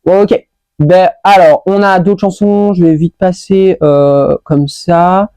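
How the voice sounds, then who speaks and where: A woman's voice: lowish voice, steady tone, slow pace, dark tone, smooth, no room sound. A woman vlogger chatting casually through a monthly roundup, scattered and full of fillers, dropping English words as she goes. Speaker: lifestyle vlogger. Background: faint music playing.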